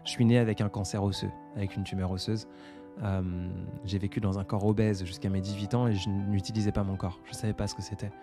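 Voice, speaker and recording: A man's voice: on the low side, level tone, a little fast, music in the background. A man in his twenties hosting a casual live stream, answering viewer comments in a hesitant, reflective way with many fillers. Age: 20s. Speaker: livestream host.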